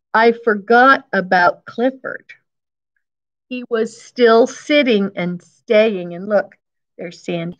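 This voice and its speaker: A woman in her fifties, speaking with a fairly high voice, reads a picture book to young children in a classroom indoors. She repeats key phrases and adds simple explanations like a teacher, and the audio has its highs cut off.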